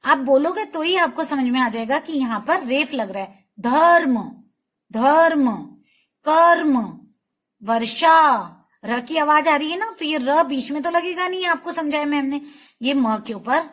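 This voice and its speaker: A woman's voice: high voice, animated, a bit bright. A woman teacher giving a spelling lesson to young children, patiently stretching out each syllable and repeating words for them to say back. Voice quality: slow, drawn-out syllable-by-syllable pronunciation.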